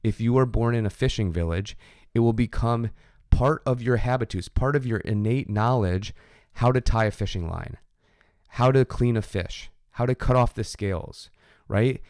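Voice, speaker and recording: In a recorded sociology lecture, a male instructor talks in a conversational way, often tagging his points with "right?" His mid-range voice is slightly mellow and moves at a moderate pace. The recording is dry and clean, like a studio.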